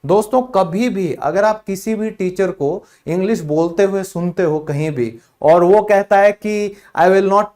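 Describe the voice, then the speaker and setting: A man with an Indian accent, a native Hindi speaker, teaching a spoken English lesson, explaining in Hindi and saying short English phrases slowly. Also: high-pitched, mellow.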